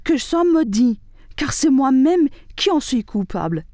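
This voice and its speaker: A remorseful young man, full of self-blame, as a woman reading the tale puts him on. The voice rises a little above her own and is mellow and warm. The sound is close and dry. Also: high-pitched, sing-song, unhurried, dry recording, pitched above the performer's own voice. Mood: anguished. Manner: anguished, self-blaming. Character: remorseful young man who hears animals.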